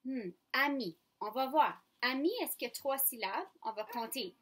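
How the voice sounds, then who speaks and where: A woman teacher with a Franco-Ontarian French accent, leading young children through a phonics lesson in slow, clear, coaxing speech. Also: high voice, a bit bright. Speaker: kindergarten teacher.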